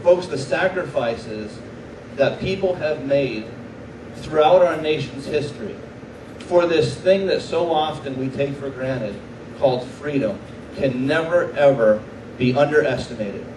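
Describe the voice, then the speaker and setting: Earnest middle-aged chaplain in an echoey hall. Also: male voice, medium pitch. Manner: earnest, slows down to stress key points. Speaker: military chaplain. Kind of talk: inspirational speech to a live audience. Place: large room before an audience. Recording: echoey room, distant mic, faint background noise.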